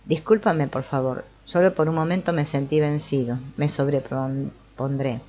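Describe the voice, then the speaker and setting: A woman's voice: low-pitched, fairly even intonation, a little slow, lo-fi sound. A woman reading as an ashamed, troubled man.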